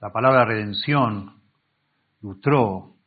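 A man's voice: lowish voice, slow, husky. A male pastor giving a Bible-teaching sermon, reading verses aloud and explaining them, often correcting himself mid-word. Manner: reads scripture aloud and explains it, with many self-corrections. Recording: tinny phone-like recording.

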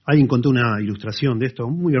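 A man with an Argentine accent preaching a sermon as a pastor, telling stories in a conversational way with lively asides to the congregation. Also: mid-range voice, fast, slightly rough. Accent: Argentine Spanish. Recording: dull lo-fi sermon recording.

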